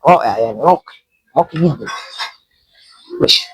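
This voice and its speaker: In a mid-range, animated voice that's fairly quick and a bit bright, a young man with an Egyptian Arabic accent chats while playing Minecraft for his gaming channel. He's self-mocking and breaks into panicky yelps when attacked. The audio is poor, with slight background noise.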